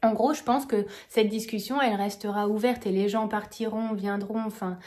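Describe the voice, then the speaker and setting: A woman's voice: medium pitch, steady tone, moderate pace, a little mellow. A woman vlogging casually to camera, gushing and hesitant, restarting her sentences with many fillers. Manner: enthusiastic, gushing.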